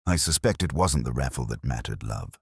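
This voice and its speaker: A man playing a mild, unassuming police inspector in a mystery drama, quiet, deliberate and dryly amused. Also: rumbling low, lively intonation, gravelly, a little hiss or hum, pitched below the performer's own voice, exaggerated voice.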